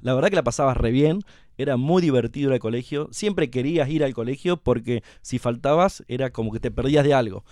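A middle-aged Argentine man from La Pampa, a company co-founder chatting as a guest in an interview, telling his story in a relaxed way with lots of fillers. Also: mid-range voice, brisk, no room sound, clean studio sound. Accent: Argentine Spanish. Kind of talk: casual interview conversation.

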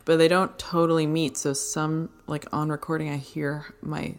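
A woman's voice: deep voice, level tone, normal speed. A woman co-hosting a podcast in casual chat, with a lisp and hissy S sounds, joking and self-deprecating. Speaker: podcast co-host. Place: live-work space.

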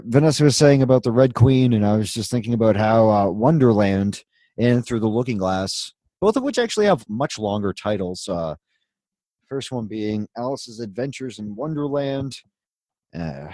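A man's voice: on the low side, warm tone, dry recording. A man hosting a live show in casual chat, rambling along with easygoing asides. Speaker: host.

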